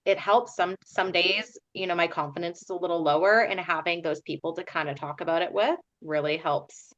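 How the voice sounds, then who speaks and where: A woman co-hosting a podcast interview, speaking in a relaxed way and summing up what the guest says. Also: lowish voice, a little fast, dull audio. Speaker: podcast co-host.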